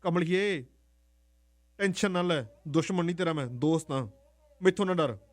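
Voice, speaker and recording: A man's voice: fairly high pitch, moderate pace, pitched above the performer's own voice, lightly acted. A man voicing a young store worker who speaks in a soothing, coaxing way.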